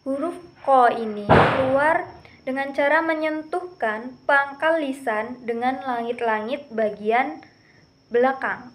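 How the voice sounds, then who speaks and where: Slow, high-voiced young woman teaching recitation. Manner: slow, careful drills of syllables, louder and higher on examples. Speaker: Quran recitation student. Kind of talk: instructional explanation with recited examples.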